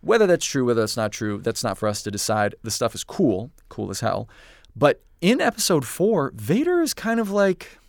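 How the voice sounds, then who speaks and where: A man's voice: medium pitch, sing-song, moderate pace, gravelly, dry recording, studio quality. A man co-hosting a podcast in casual chat, talking in enthusiastic, rambling stretches that often stop and restart. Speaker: podcast co-host.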